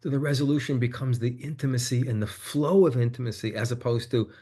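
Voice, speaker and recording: A man, a guest on an interview, telling a personal story in a candid, reflective way and growing animated as he quotes his own conversations. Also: medium pitch, quick pace, husky.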